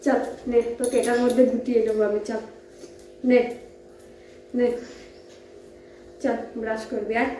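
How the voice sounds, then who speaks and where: High-voiced woman coaxing a child, echoey room. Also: level tone, a little slow, pauses often, dark tone. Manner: coaxing, teasing, repeats urgings over and over. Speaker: mother waking her daughter. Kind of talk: casual home talk to a child. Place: home bedroom, indoors. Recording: echoey room, voice from far off, faint noise.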